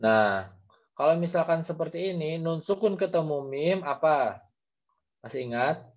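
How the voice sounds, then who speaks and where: A man's voice: a little high, expressive, a little slow. A man, teaching Quran recitation in an online class, patiently explaining and modeling the readings aloud. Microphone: video call. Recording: dull lo-fi video call audio.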